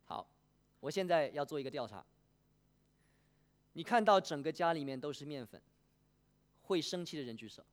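Animated preacher giving a sermon. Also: medium pitch, moderate pace, pauses often. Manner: animated, poses questions and polls the congregation.

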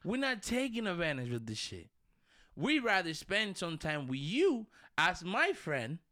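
A man's voice: high voice, wildly swooping pitch, measured pace, bright, forceful tone, dry recording, clean studio sound. A man in a casual, profane chat, ranting insistently in street slang and repeating his phrases.

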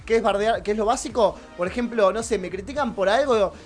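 A man's voice: sits high, fairly quick, soft background music. A young man with an Argentine Spanish accent, co-hosting a casual chat, talking in a loose, slangy way with many restarts. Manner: chatty, slangy, restarts often. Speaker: podcast co-host.

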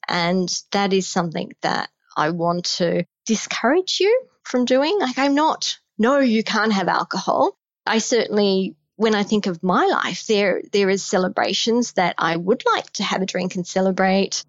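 On a podcast, an Australian-accented woman appears as a guest and gives emphatic, direct advice about midlife health. Her voice is mid-range, and the recording is dry with the highs cut off.

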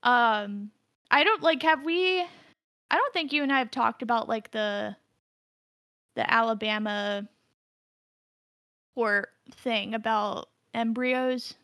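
A woman co-hosting a casual podcast chat with a high, bright voice. She rambles and restarts her thoughts often, recorded close and dry. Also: takes it slowly, pauses often, no echo. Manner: rambling, full of fillers and restarts. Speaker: podcast co-host.

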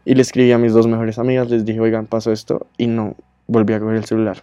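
A man's voice: lowish voice, completely flat delivery, fast talker, mellow, clear, resonant tone, dry recording, muffled recording. A young man, telling a personal story to his viewers in an earnest, emotional way with many fillers. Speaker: YouTuber.

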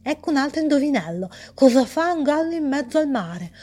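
A woman's voice: high voice, sing-song, brisk, dark tone, pitched above the performer's own voice. A woman voicing a teasing, gloating riddle voice. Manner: playful, gloating, quizzing. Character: mysterious teasing riddle-telling voice.

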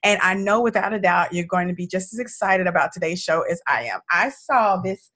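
A woman hosting a podcast in casual chat. She sounds hoarse from allergies and talks in an effusive, emphatic way. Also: on the low side, fast talker, a bit bright. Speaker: podcast host.

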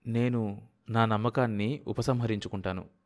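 A man voicing a calm, serious man who speaks slowly and deliberately in a grave tone in a story reading. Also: fairly low pitch, close to an everyday voice. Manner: slow, measured, deliberate.

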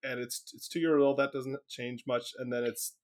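A man co-hosting a podcast in casual chat, animated and laughing often. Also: mid-range voice, moderate pace, a crowd in the background. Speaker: podcast co-host.

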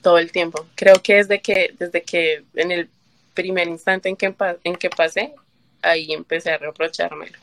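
A Colombian woman, appearing as an interview guest, gives emotional testimony about her own life in a slightly low, steady voice. She speaks in halting bursts with fillers and frequent restarts, quoting herself and acting out what others told her.

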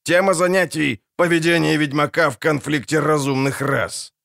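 A man voicing a grumpy, foul-mouthed dwarf wagon driver in an audiobook, gruff and barking. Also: a little high, fairly even intonation, normal speed, a bit bright, no room sound, clean studio sound, pitched above the performer's own voice. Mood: grumbling. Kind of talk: audiobook character voice.

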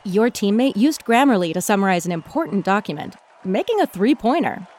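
A woman's voice: medium pitch, sing-song, fairly quick, darkish tone. A woman playing an earnest sideline sports reporter in a scripted parody ad interview. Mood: earnest, excited.

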